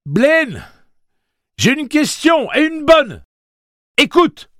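Man doing a frantic shouting young woman. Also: very high-pitched, big pitch swings, very slow, no room sound, studio quality, pitched above the performer's own voice, heavily acted. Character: desperate young woman shouting riddles at a machine.

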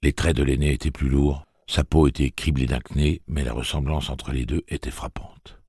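Deep gravelly guy reading an audiobook, steady measured storytelling, dry close sound. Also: no room sound. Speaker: audiobook narrator. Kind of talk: audiobook narration.

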